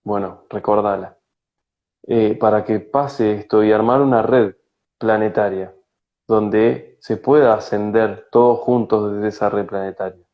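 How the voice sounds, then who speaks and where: A man from Argentina with a Rioplatense accent, a spiritual guide talking slowly and searchingly in an interview, with frequent hesitations. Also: on the low side, fairly even intonation, highs cut off. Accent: Rioplatense Spanish. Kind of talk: reflective conversational interview. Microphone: video call.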